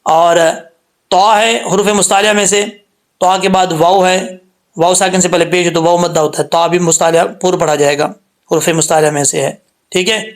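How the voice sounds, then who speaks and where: A man teaching the rules of Quran recitation, patiently explaining letter sounds and repeating points, with slow drawn-out demonstrations of each sound. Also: sits high, steady tone.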